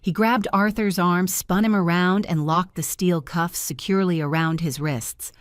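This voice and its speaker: Low-voiced woman narrating a dramatic story. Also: fairly even intonation, moderate pace, no room sound, clean studio sound. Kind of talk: first-person scripted story narration.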